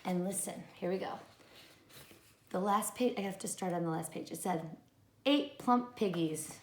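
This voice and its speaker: A kindergarten teacher giving gentle, step-by-step instructions during a read-aloud lesson, filmed on a handheld camera. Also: female voice, lowish voice, fairly even intonation, normal speed, reverberant.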